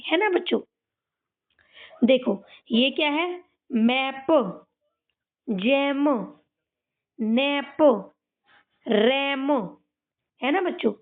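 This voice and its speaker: A woman teaching children a phonics lesson, sounding out each word slowly and patiently, often checking whether they follow along. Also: high-pitched. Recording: tinny phone-like sound.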